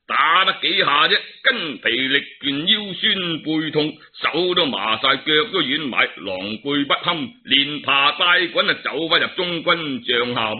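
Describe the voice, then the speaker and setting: A man's voice: fairly high pitch, animated, measured pace, hardly any pauses. A man with a Cantonese accent telling a traditional tale in a dramatic, theatrical and colloquial storytelling style, full of exclamations. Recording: narrow, tinny phone-like sound.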